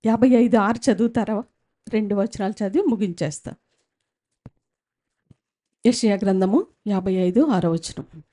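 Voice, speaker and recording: A woman's voice: mid-range voice, a little slow, long pauses. A woman preaching a sermon in a church service through a microphone, speaking emphatically, repeating phrases and suddenly rising in volume. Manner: emphatic, repetitive preaching with sudden loud rises.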